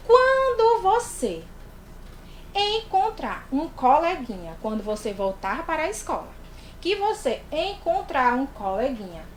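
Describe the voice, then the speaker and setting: Brazilian woman teacher for little kids, slow and drawn out, room echo. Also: sits high, a little hiss or hum. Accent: Brazilian Portuguese. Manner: slow, sing-song, exaggerated for small children. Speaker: primary school teacher. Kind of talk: online literacy lesson for young children. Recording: echoey room.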